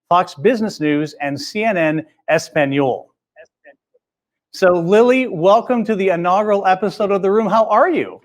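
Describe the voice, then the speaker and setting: A male host leads a business interview in a friendly, conversational way. His voice sits high for a man, and he talks with easy, open curiosity. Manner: friendly, scripted intro then conversational. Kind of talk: interview hosting.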